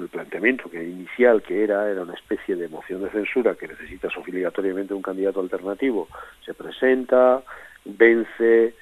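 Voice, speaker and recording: A man with a very deep, husky voice weighs in on a radio panel discussion. He talks in a measured, halting way, full of fillers. The sound is thin and phone-like, with a dry, close feel. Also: dry recording. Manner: measured, hesitant, many fillers. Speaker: radio political commentator.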